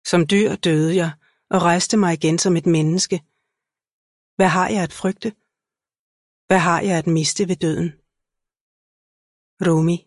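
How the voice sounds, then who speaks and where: Woman, audiobook narration, slow and measured, lowish voice, dry close mic. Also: steady tone, no room sound. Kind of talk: scripted narration.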